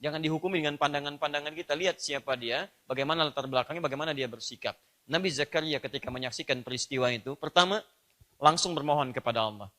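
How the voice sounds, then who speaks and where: Indonesian guy preaching, pretty high voice, punchy lines then quiet bits. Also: fast talker. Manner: lively preaching, rising emphatic phrases then soft explanatory asides. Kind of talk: sermon.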